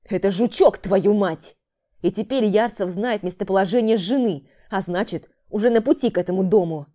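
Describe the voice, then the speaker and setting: A woman's voice: mid-range voice, animated, moderate pace, dark tone, close to an everyday voice. A woman voicing a brutal male killer in an audiobook, harsh and barking insults at his sister. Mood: angry. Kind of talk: audiobook character voice.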